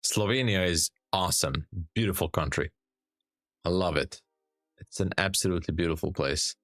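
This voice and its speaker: A man's voice: low voice, normal speed, fairly bright tone, dry recording, studio quality, faint music behind. A young Hungarian man with a Hungarian accent, streaming live trades and chatting casually with viewers, laughing often and restarting his sentences as he reads the chat. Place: home trading room. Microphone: headset.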